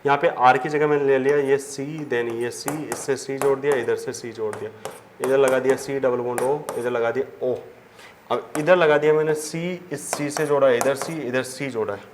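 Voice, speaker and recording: Speaking at normal speed in a mid-range voice with fairly even intonation, a male chemistry teacher works through a lesson at the board one step at a time. He poses questions and answers them himself, calling his students children, while faint noise sits in the background.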